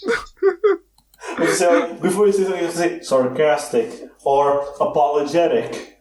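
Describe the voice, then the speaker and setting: A man's voice: a little high, normal speed, a little mellow. A man co-hosting a podcast in casual chat, rambling with lots of fillers. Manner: rambling, with many "like, you know" fillers. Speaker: podcast co-host. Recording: roomy, distant mic with faint noise.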